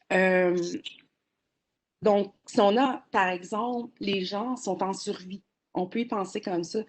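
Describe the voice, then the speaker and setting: A woman, speaking as a panelist in a webinar over a video call, earnest and explanatory with frequent hesitations. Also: mid-range voice. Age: 40s.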